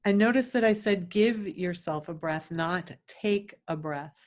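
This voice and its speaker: Here a woman acts as a meditation teacher, her voice on the low side. Her guidance is gentle, soothing, and instructive, with long pauses separating each phrase.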